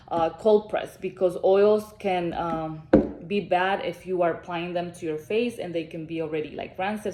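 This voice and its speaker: A woman's voice: on the low side, mellow, a little hiss or hum. Chatty woman vlogging in an echoey room. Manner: rambling, many fillers and restarts. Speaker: beauty vlogger. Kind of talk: casual chat to camera. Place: travelling, on vacation.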